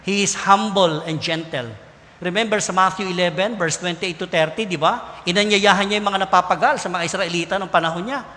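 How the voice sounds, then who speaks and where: A man with a Filipino accent preaching a sermon in a lively, conversational way, mixing in English. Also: sits high, a little fast. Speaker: pastor. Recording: long hall reverb.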